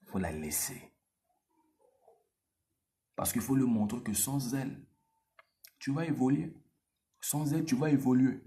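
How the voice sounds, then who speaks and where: This man offers laid-back dating tips straight to the camera in an unhurried, mid-range voice, pausing often. He stays animated and repetitive, peppering his talk with street slang.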